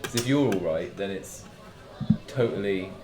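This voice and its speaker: A man's voice: low voice, lively intonation, normal speed, noisy background. A man chatting casually and inquisitively as a player in a tabletop game. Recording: echoey room with background voices.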